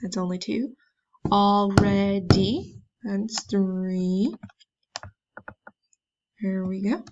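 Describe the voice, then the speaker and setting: A woman's voice: mid-range voice, steady tone, very slow, pauses often, highs cut off, heavy background noise. A woman teacher giving a virtual classroom lesson, patiently sounding words out and making chatty, self-deprecating asides. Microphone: computer mic.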